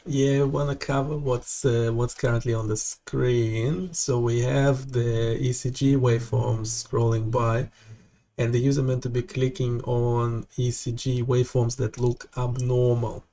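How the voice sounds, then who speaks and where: Halting, warm-voiced man hosting a stream. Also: mid-range voice, level tone. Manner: halting, with many fillers and restarts. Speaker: web developer hosting a live stream. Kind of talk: casual live-stream talk.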